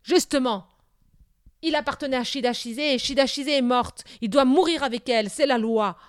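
Lady doing a nasty shouting old shaman, high-ish voice, dry recording. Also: normal speed, dry recording, close to an everyday voice. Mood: accusing. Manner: shouting accusations.

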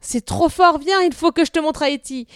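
Woman voicing an eager young boy, high and loud, storybook reading, dry close sound. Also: moderate pace, clean tone, dry recording, close to an everyday voice. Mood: excited.

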